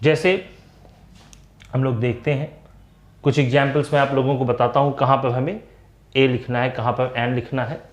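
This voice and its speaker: A man with an Indian accent teaching English grammar, explaining slowly and drawing words out. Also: mid-range voice, level tone. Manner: slow, deliberate explanation with words drawn out. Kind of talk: classroom-style explanation. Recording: echoey room.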